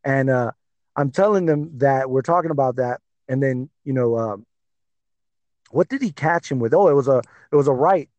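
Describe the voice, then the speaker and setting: A man co-hosting a podcast, chatting casually about fights in an excitable, rambling way with many fillers. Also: mid-range voice, moderate pace, dry recording. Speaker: podcast co-host. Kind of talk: casual sports chat.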